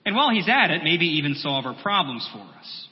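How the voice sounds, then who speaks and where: A male pastor delivering a measured sermon, building through repeated phrases and dropping to a soft, quiet voice. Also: on the high side, big pitch swings. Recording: long hall reverb, muffled sound.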